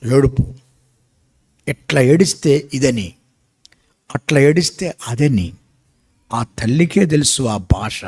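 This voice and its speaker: An older man preaching a sermon, emphatic and rising to shouts at key points. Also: medium pitch, lively intonation, slow, long pauses, breathy edge.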